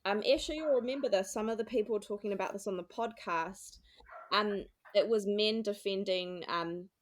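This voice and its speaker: A woman's voice: mid-range voice, normal speed, a little hiss or hum. A woman hosting a podcast, speaking informally and colloquially in casual discussion. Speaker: podcast host.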